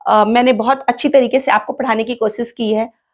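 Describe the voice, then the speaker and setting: A woman teaching grammar in a classroom style. She drills each word slowly and answers her own questions. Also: on the high side, steady tone. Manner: repeats words slowly to drill pronunciation; asks questions and answers them herself. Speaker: English teacher.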